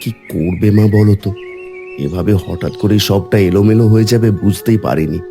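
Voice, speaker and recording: A man's voice: on the low side, brisk, gravelly, music in the background. A man voicing a sick, worried young village son in a cartoon, earnest and fretting.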